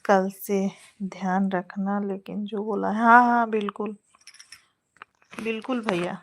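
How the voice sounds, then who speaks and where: A woman with an Awadhi lilt hosts a live stream and chats with her viewers. She talks slowly in a level, even tone. She greets and thanks people by name, in an affectionate, chatty way. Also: mid-range voice, a little hiss or hum. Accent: Awadhi Hindi. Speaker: folk singer hosting a live stream. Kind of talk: casual live chat with viewers.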